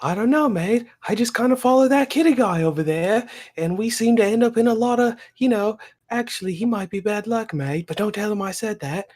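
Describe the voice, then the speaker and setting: A man who plays in a tabletop game, speaking in a playful, animated way. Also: high voice, fairly quick. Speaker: player. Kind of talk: tabletop game role-play.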